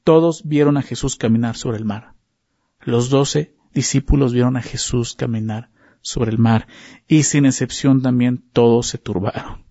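A man with a gravelly, husky voice teaches a Bible passage in a conversational sermon, often stopping to ask rhetorical questions. His tone sits dark and mellow, and he repeats words and restarts his phrases. The recording is dull, dry and slightly muffled. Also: mid-range voice, steady tone, unhurried, dry recording. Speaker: preacher.

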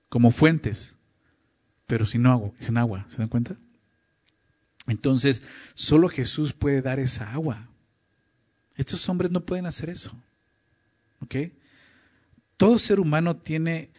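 A man's voice: medium pitch, a little mellow, breathy edge. Preaching man, dull lo-fi sound. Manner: teaching, frequent checking questions to listeners. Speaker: pastor. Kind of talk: sermon. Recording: dull lo-fi recording.

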